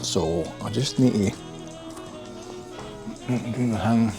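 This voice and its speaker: A man's voice: fairly low pitch, slow pace, vocal fry, music in the background. A man building a kit car in his garage workshop, thinking aloud, muttering and self-deprecating, with a curse under his breath now and then.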